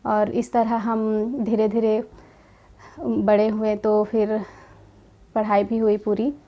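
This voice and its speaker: A young woman giving a gentle personal testimony about her spiritual path, quoting conversations in her own voice. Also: medium pitch, completely flat delivery, takes it slowly, muffled recording. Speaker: spiritual community member sharing her experience.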